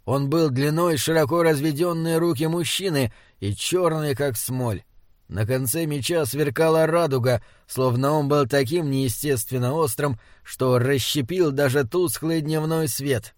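A man narrating an audiobook in a measured, descriptive way. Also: fairly high pitch, no room sound, clean studio sound.

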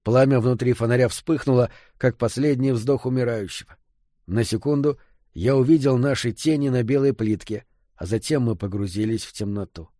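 A man reading a first-person story aloud in a steady, measured way. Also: medium pitch, no room sound, studio quality. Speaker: audiobook narrator. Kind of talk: scripted narration.

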